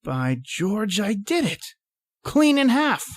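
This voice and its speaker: Against some background noise, a woman with a mid-range voice speaks slowly in a sing-song way. She plays an impatient, rational professor in old-time radio horror, theatrical and exclamatory, confident and condescending in mood.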